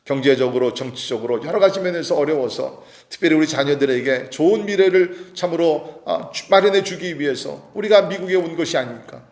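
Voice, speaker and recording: A man's voice: on the high side, a little fast, darkish tone. A man preaching an early morning church sermon as pastor, earnest, with frequent filler sounds and rising emphasis on key points. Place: church sanctuary. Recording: echoey church hall.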